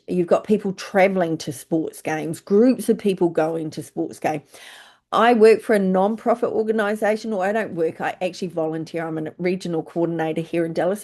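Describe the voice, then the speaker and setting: Chatty New Zealand woman, mellow voice. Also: fairly low pitch. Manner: chatty, lots of fillers. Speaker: travel agent recruiter. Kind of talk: informal presentation.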